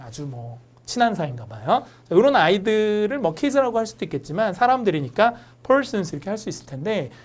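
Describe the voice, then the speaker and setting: A young woman English teacher giving an online lecture, explaining pronunciation through lively stories. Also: medium pitch.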